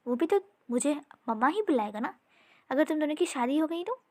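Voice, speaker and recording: A woman's voice: high voice, lively intonation, brisk, dark tone. A woman voicing an affectionate queen mother who teases her son fondly. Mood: teasing. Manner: teasing, fond.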